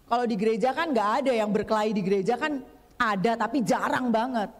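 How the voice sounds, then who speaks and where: A woman guest pastor giving a chatty, humorous sermon in a church, often turning to speak straight to the congregation. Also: high-pitched. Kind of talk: conversational sermon. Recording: long church hall reverb.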